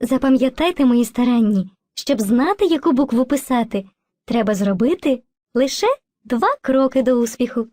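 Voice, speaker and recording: A woman's voice: on the high side, animated, moderate pace, dry recording, clean studio sound, close to an everyday voice. Woman voicing Movka, a patient teacher spirit. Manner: patient, gently instructive, addresses children fondly. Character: kind female teacher spirit Movka, personified language. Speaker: teacher and narrator. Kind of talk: educational cartoon narration and dialogue.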